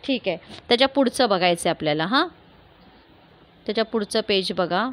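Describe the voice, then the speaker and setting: A woman's voice: mid-range voice, expressive, a little fast, fairly bright tone. A woman teacher with a Marathi accent explaining a spelling rule step by step, asking questions and then answering them herself. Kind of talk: classroom grammar lesson.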